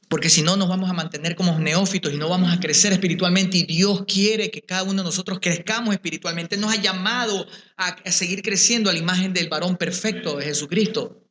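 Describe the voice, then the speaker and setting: A man's voice: high-pitched, pushed and bright. A man giving a preached lecture to pastors at a symposium, putting rhetorical questions and speaking straight to his listeners. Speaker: conference speaker addressing pastors. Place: symposium venue. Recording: echoey room sound.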